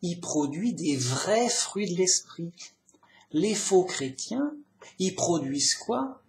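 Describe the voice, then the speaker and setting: A man giving an informal sermon, emphatic and repetitive, sometimes acting out an angry or calmed-down person. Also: high-pitched, slow pace, reverberant. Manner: acts out angry and calm speakers, emphatic lists. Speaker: lay preacher.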